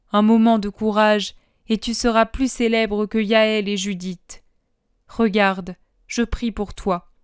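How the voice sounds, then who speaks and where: A woman voicing Jesus as a calm, merciful man who speaks tenderly and slowly. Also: medium pitch, smooth, dry recording, studio quality, natural voice. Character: gentle merciful male Jesus, calm and forgiving.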